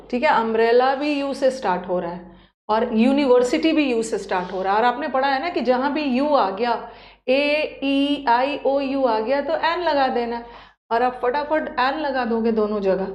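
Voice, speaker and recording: Woman grammar teacher, a fairly high voice and an echoey room. Teasing coaching-class manner, with sounds drilled out loud. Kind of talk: online coaching class lecture.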